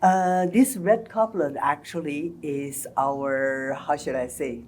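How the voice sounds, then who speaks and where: Older woman, very low pitch, unhurried, guest telling stories. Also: a little mellow, slight background noise. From China and Taiwan. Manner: careful, explanatory storytelling. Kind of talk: conversational interview.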